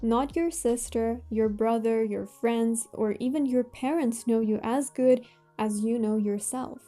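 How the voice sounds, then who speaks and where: A native Russian speaker with a Russian accent hosts a self-improvement channel, offering motivational advice directly to viewers. Her fairly high voice is steady and mellow, her phrases measured and deliberate with emphatic pauses, and faint music plays in the background.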